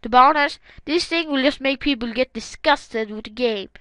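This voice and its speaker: A woman with a high, smooth and clear voice reads forum comments aloud as a gaming channel host. She adds casual, wry, sarcastic remarks between them, and her voice sounds close and dry. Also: normal speed, pushed and bright, no room sound, low-quality recording.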